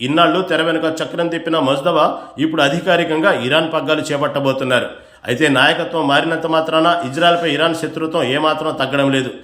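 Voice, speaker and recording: Acting as news narrator, a man reads a scripted bulletin with formal emphasis. His voice is somewhat high and a bit bright, and the recording sounds clearly echoey and roomy.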